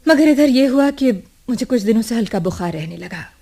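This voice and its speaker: A woman's voice: a little high, expressive, a little fast, mellow. An actress playing a proud, defiant young woman in a radio drama, telling her story with earnest emotion. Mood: earnest recounting. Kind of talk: 1980s radio drama acting.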